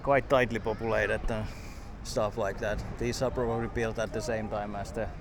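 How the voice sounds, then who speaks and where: A low, fairly monotone man talks his way through a street walk in a relaxed, meandering vlog style, leaning on fillers. His voice sits low and barely rises or falls. Clear street noise and traffic run under him outdoors. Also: normal speed. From Finland. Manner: rambling, loose, full of "like" and "uh". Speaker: travel vlogger. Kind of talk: casual walking commentary.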